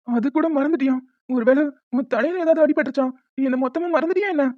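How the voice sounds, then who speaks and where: A woman's voice: sits high, fast, dry recording, natural voice. A woman voicing a teasing, playful young man in a cartoon. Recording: dull lo-fi, dry.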